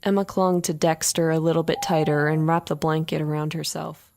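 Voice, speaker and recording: A woman reading a horror story aloud in an expressive first-person narration. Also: sits low, brisk, gravelly, slight background noise.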